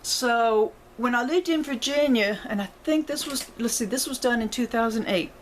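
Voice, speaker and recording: A middle-aged woman vlogs to her viewers in a casual, personal way, nearly in tears as she rambles, apologizes and corrects herself. Her voice is a little high at a moderate pace, and the rough recording has a little hiss or hum.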